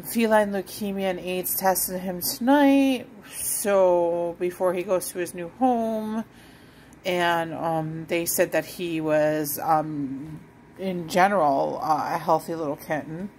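A woman's voice: lowish voice, a little hiss or hum, poor audio. A woman fostering a kitten, chatting casually to it on a phone camera at home, swearing freely and cooing at it. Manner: swears casually, coos and sings silly songs to the kitten. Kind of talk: casual vlog chat to a pet.

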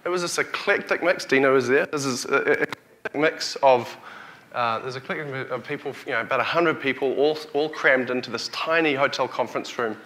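Man, thirties, New Zealand accent, bright forceful tone, mid pitch, conference keynote speaker. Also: brisk. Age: 30s. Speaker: company CEO, conference speaker. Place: hotel conference hall, on stage before an audience. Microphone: lapel or headset mic.

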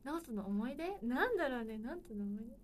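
Young woman, livestream host, playful casual chat, fairly high voice, faint background noise. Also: expressive, fast talker. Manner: playful and chatty, addressing viewers directly.

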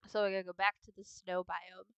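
A woman's voice: lowish voice, level tone, brisk, smooth, no echo. A young woman with a sniffly nose giving chatty, playful commentary on a video game at home, now and then breaking into bits of song. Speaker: gaming video host. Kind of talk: casual gameplay commentary.

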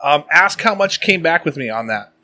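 A man in his late thirties hosts a laid-back podcast, chatty and rambling. His voice sits a little high and sounds bright and forward. He is from the Pacific Northwest. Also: expressive, moderate pace. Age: late 30s. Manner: chatty, rambling, reads shout-outs. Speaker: podcast host. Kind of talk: casual podcast chat.

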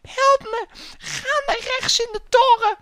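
A man voicing a bossy young princess trapped in a tower, in a shrieking falsetto. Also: fairly even intonation, slow, bright, forceful tone, heavily acted. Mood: bossy shrill. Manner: high falsetto, shrieking orders.

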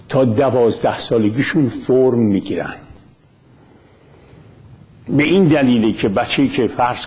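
A man's voice: medium pitch, a little mellow, breathy edge. A middle-aged man with an Isfahani accent giving a blunt, emphatic monologue lecture on religion, voice rising on key phrases. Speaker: commentator on religion.

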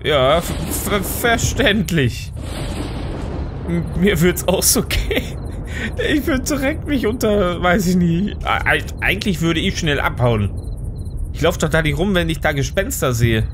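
A man's voice: fairly high pitch, sing-song, unhurried, background noise. A man doing casual let's play commentary, often stammering and reacting in short exclamations. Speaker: let's player. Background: game music.

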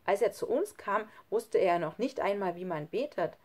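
Ein ernsthafter, frommer kleiner Junge, von einer Vorleserin gesprochen, schlicht und aufrichtig im Ton, mit lebhafter Sprachmelodie. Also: female voice, mid-range voice, animated, moderate pace, darkish tone, close to an everyday voice. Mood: wondering. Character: earnest, pious little boy.

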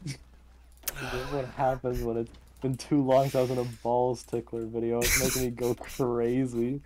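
A man's voice: mid-range voice, little pitch movement, normal speed, noisy background. A man chatting casually with friends on a voice call, rambling and joking around. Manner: rambling, joking, fond of silly put-on accents. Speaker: group member in a gaming voice chat. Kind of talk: casual chat.

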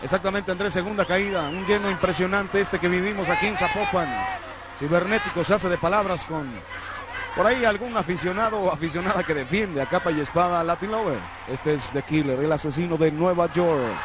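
High-voiced Mexican male wrestling commentator. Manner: emphatic, conversational, addresses co-commentator. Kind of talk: live wrestling commentary with banter. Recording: noisy 1990s TV arena broadcast.

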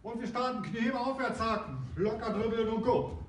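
A man's voice: very high voice, fairly quick. A middle-aged man coaching a workout in short, punchy gym-bro commands while exercising, recorded from a distance in a gym. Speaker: fitness boxing coach. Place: indoor boxing gym ring. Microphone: far camera. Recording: distant mic in echoey, noisy gym.

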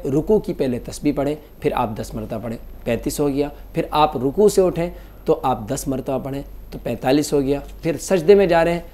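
A man's voice: mid-range voice, mellow. A man, a mufti on a religious call-in show, patiently explaining prayer rules step by step. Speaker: mufti answering callers.

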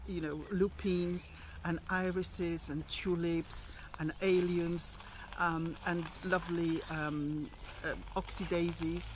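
A middle-aged woman with a fairly low voice talks her way around her allotment plot outdoors, recorded on a handheld camera or phone. Her talk is chatty and wandering, full of ums and restarts, with faint outdoor ambience behind her. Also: noisy background. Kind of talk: casual garden tour vlog.

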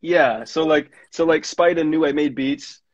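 A man's voice: on the high side, measured pace, a crowd in the background. Laid-back young guy rambling. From Montreal, Canada. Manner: rambling, laid-back slang-heavy storytelling with lots of fillers. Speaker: music producer guest. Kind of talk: casual radio interview. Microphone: studio mic. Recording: dull lo-fi radio studio.

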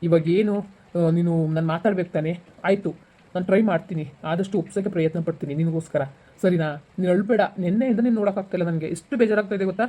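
A man playing a calm, reassuring husband in an amateur village family drama. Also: high-pitched, fast talker, natural voice. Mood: soothing. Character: gentle, patient rural husband.

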